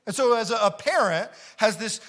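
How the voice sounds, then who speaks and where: A male pastor preaching a sermon in his church. His voice sits a little high for a man. He repeats key phrases, drops low for solemn lines and picks up energy for lively ones. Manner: preaching with rising intensity, repeating key phrases, quick laughs. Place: church sanctuary.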